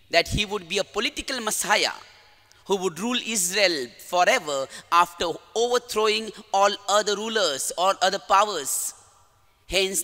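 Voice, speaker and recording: Indian English male priest, high and sharp-toned, formal homily delivery, long cathedral echo. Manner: formal, measured liturgical delivery. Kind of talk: reading the gospel and preaching a homily. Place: large church. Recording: long church reverb.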